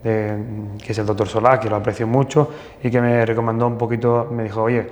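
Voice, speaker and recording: A plastic surgeon from northern Portugal, a native Portuguese speaker, tells animated anecdotes in a casual interview, halting and hesitant with many restarts and fillers. His voice is mid-pitched, and the reverberant hall carries slight background noise.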